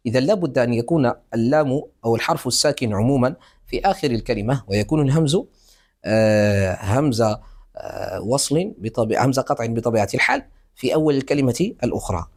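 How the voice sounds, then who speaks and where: A man teaching a Quran recitation lesson on tajweed, explaining rules and drawing out example words slowly and deliberately. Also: mid-range voice, expressive, a little mellow. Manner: slow, deliberate examples with restarts.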